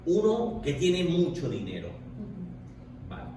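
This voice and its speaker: A man's voice: on the high side, huge pitch swings, slow pace, mellow. A man leading a Bible study group, explaining at length and often checking in with the listeners. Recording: echoey room, far from the mic, faint noise.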